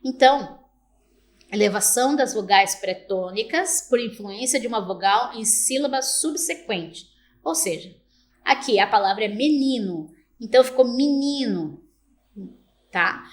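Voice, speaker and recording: A woman lecturing online, explaining step by step, checking in with "tá?" and sounding out example words slowly. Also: a little high, animated. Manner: explanatory, with frequent restarts and checking "tá?". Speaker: university lecturer.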